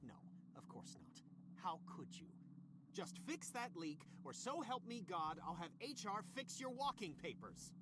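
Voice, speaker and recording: A man's voice: sits high, very animated, measured pace, noisy background. An actor voicing an irritable middle-aged male scientist boss who snaps sarcastically and then apologizes. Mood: irate.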